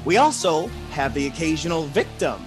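A man's voice: a little high, very animated, normal speed, music in the background. A man playing a pompous, irritable lord who hosts horror, theatrical and exasperated, in a comic podcast promo. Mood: showy.

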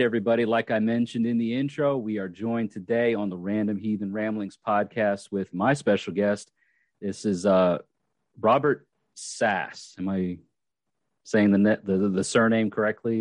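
A man's voice: lowish voice, fairly even intonation, moderate pace, no room sound. A man hosting a casual podcast, rambling with many fillers and restarts. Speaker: podcast host.

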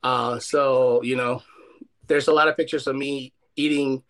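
A man's voice: medium pitch, fairly even intonation, a little slow, a bit bright. Chill young chef guy from ecuador, stoked and easygoing. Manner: laid-back, enthusiastic, many fillers. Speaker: chef guest. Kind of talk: casual interview chat.

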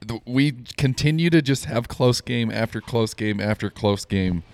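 A man with an American accent co-hosting a casual sports podcast, his voice slightly hoarse and giving out. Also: mid-range voice, moderate pace, no echo. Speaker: podcast co-host.

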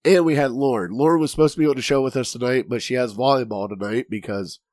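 A hoarse man hosts a casual podcast, his voice cracking as he talks. He rambles and jokes at his own expense, and the recording is dry and close. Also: mid-range voice, quick pace, a little mellow, no echo. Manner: rambling, jokey, self-deprecating. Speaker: podcast host.

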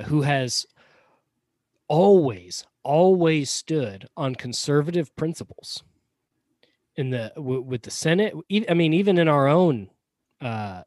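A man's voice: a little high, darkish tone, dry recording. Opinionated Southern man, dry close sound. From Florida-born, raised in Georgia. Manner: opinionated, chatty, many restarts and asides. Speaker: podcast co-host. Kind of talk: casual conversational commentary.

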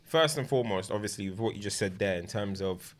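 A man's voice: fairly low pitch, fast. A man with a London accent in casual sports chat, talking in roadman slang and repeating phrases for emphasis. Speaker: regular sports pundit.

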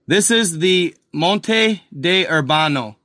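A man hosting a casual video, talking excitedly over images on screen, speculating and firing questions at his viewers. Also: fairly high pitch, a little slow, no room sound, clean studio sound. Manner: addresses viewers as guys and y'all, lots of fillers. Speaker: video host.

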